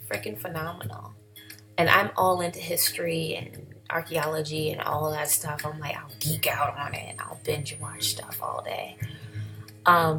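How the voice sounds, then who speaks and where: A woman's voice: deep voice, gravelly, fairly bright tone, poor audio. A woman vlogging in a casual, enthusiastic way, rambling with lots of fillers. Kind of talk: casual vlog commentary.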